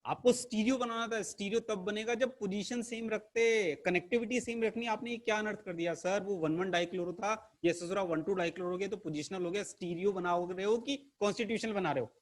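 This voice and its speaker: A man voicing a cheeky young student who scolds his teacher in an exasperated, higher voice during a playful online chemistry class. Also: fairly quick. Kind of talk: playful classroom role-play.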